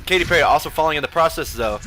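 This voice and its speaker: A man giving casual, profane play-by-play of a video game match, full of ums and uhs, with sudden bursts of excitement. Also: on the high side, racing, slight background noise. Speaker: esports caster.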